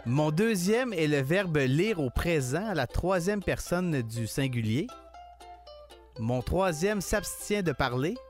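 A man reading riddles as game master on a morning radio show, steady and playful. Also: a little high, slow pace, faint music behind.

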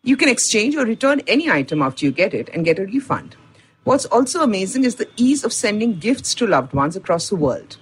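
A woman's voice: medium pitch, very animated, a little fast, a little hiss or hum, poor audio. A woman with an Indian accent hosting a podcast, reading upbeat scripted stories with enthusiasm. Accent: Indian English. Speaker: podcast host.

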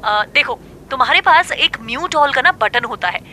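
A male narrator voicing a calm woman teacher who reassures her friend. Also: extremely high pitch, normal speed, a little hiss or hum, voice pushed up, full character voice. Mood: reassuring.

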